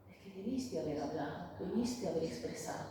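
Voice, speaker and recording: Woman therapist, halting and filler-heavy, warm tone, distant mic with light hiss. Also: sits low, animated. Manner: hesitant, many fillers and restarts. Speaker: family therapist. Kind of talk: interview, explaining to an interviewer. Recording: echoey room, voice far from mic, faint noise.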